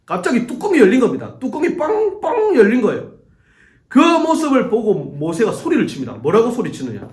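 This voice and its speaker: A middle-aged male youth pastor preaching a sermon to teenagers in a church, telling the story with animated storytelling. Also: extremely high pitch, a little fast. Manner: animated storytelling, acts out quoted voices. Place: church sanctuary. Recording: echoey church room.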